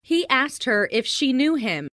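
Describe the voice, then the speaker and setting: A woman reading simple English phrases slowly and carefully for learners, saying each one twice. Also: high-pitched, sing-song, a bit bright, dry recording, clean studio sound. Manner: careful, clearly enunciated, each sentence said twice.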